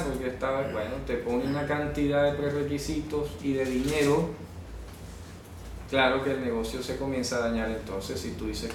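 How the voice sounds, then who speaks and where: A man's voice: medium pitch, a little hiss or hum. Man lecturing in an echoey room. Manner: explanatory, asks "¿ya?" to check understanding; corrects pronunciation insistently. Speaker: Bible teacher. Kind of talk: classroom Bible lesson. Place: classroom. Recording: echoey room, speaker far from the mic.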